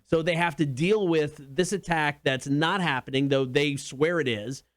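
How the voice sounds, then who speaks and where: Co-hosting a podcast, this man chats casually and spins stories with slangy, emphatic energy. His voice leans high, his pace is normal, and the recording has no echo.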